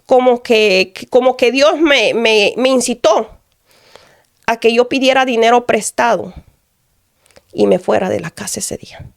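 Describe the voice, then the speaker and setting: A woman's voice: fairly high pitch, measured pace, creaky, long pauses, no echo, clean studio sound. A woman from Guatemala giving an earnest personal testimony, repeating phrases and often addressing the pastor. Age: adult.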